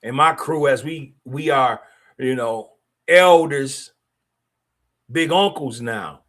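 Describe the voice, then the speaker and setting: The middle-aged podcast host talks slowly in a mid-range, fairly bright voice. He keeps the casual monologue blunt, opinionated, and streetwise.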